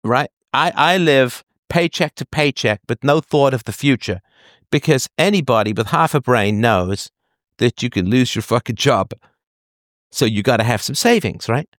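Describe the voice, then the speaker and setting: His mid-range voice has lively intonation and a moderate pace as he plays a call-in show host giving advice. He talks conversationally, uses analogies to make emphatic points, and keeps checking that the listener follows, all in a dry, clean studio recording.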